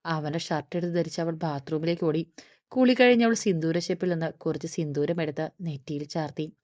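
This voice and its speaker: A woman narrating a romantic audiobook story in a steady storytelling manner. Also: sits low, brisk.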